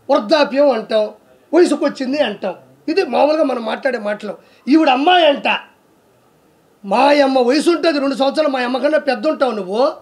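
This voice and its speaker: A man with a very high-pitched voice rants about politics in a sarcastic, scolding tone. He fires off rhetorical questions one after another and mocks his target as he goes. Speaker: comedian giving political commentary. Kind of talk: heated political rant.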